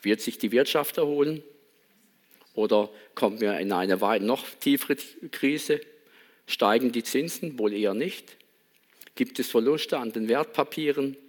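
A man's voice: mid-range voice, measured pace. A man giving a sermon in a reflective manner, asking many rhetorical questions and reading a Bible passage. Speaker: pastor.

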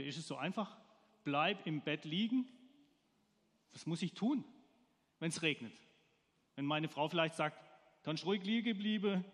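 A man delivers a sermon, telling a homely story and asking his listeners questions. His voice sits high for a man. A long reverb trails behind him in a church hall. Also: a bit bright, husky. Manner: storytelling, asks the congregation questions. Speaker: preacher.

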